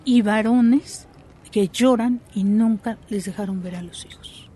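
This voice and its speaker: A woman's voice: mid-range voice, unhurried, warm tone, slightly rough. A woman, a psychologist answering interview questions in a reflective, explanatory way, often checking in with short tag questions.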